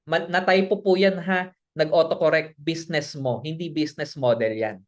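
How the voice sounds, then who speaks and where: A business mentor giving a recorded sales-training lesson, coaching viewers casually, mixing in English phrases and correcting slips as they go. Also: normal speed. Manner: coaching, talks straight to viewers, acts out sample pitches.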